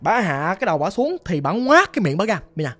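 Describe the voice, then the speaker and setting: A narrator with a Southern Vietnamese accent telling a ghost story in a casual, animated, dramatic way, speaking straight to the listener. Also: mid-range voice, fast. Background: faint music.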